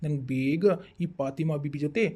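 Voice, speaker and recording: A man's voice: fairly high pitch, steady tone, normal speed, dark tone, close to an everyday voice. A man doing a lecherous pleading bridegroom-to-be. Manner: pleading, devotional. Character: lecherous man begging a jungle god for a fifth marriage.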